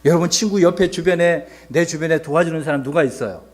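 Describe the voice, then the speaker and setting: A male pastor giving a playful, animated children's sermon, often asking the kids questions. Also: on the high side, fast.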